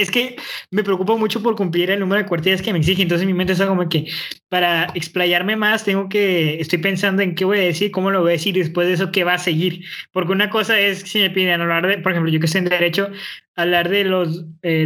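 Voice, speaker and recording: Quick, stammering young Mexican man. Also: high-pitched, fairly even intonation, fairly bright tone. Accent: northern Mexican. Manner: fast, clipped talk with frequent stammered restarts. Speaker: host. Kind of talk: casual chat.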